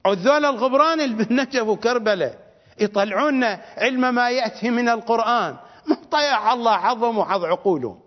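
A man's voice: extremely high pitch, lively intonation, brisk. A man with an Iraqi Arabic accent giving a religious lecture as a cleric, fiery and scornful, repeating phrases for stress. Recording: reverberant dull lo-fi recording.

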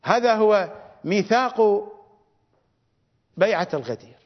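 A man with an Iraqi accent lectures with fiery, scornful emphasis, his voice high and sweeping up and down. The recording is dull and lo-fi, with a long reverb trailing each phrase. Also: animated, a little slow. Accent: Iraqi Arabic. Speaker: cleric. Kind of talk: religious lecture.

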